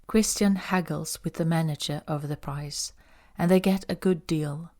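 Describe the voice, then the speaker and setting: A woman narrating an audiobook in a calm, even storytelling manner. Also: deep voice, moderate pace.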